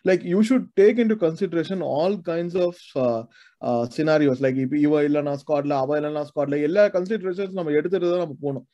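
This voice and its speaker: A man's voice: on the high side, rapid-fire, mellow, highs cut off. A man with a Tamil accent debating as a football fan panelist, emphatic and full of rhetorical questions, mixing two languages. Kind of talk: animated debate in mixed Tamil and English. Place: video call.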